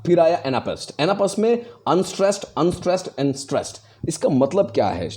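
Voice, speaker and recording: A male teacher walks learners through poetic meter in a patient, explanatory way. His pitch swings in a lively way as he leans on stressed syllables to show them. The voice is warm and dark-toned. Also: a little hiss or hum. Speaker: English teacher. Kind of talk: explanatory lesson.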